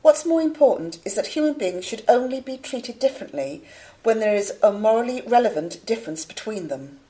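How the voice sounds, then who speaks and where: A woman playing a composed academic in a scripted debate, formal and measured. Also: on the high side, expressive, mellow, close to an everyday voice. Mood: composed, reasoning. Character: composed female academic debater defending animal equality. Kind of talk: scripted studio debate for a listening exam.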